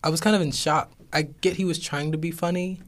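A man's voice: a little high, steady tone, brisk, a bit bright. Teen boy chatting on youth radio. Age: teens. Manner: casual, lots of fillers. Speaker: student panelist. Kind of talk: casual discussion. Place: radio studio.

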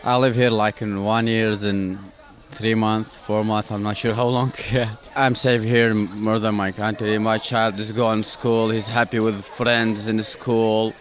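A man from Iraq, a parent giving an interview soundbite in simple, halting English. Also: on the low side, little pitch movement. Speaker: parent at community event.

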